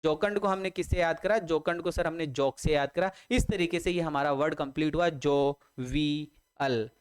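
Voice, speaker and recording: A man's voice: fairly high pitch, normal speed, clear, resonant tone. A man teaching English vocabulary online for exam prep, repeating words and spelling them out letter by letter, with jokey memory tricks and calls to his students. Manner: repetitive, drills spellings letter by letter.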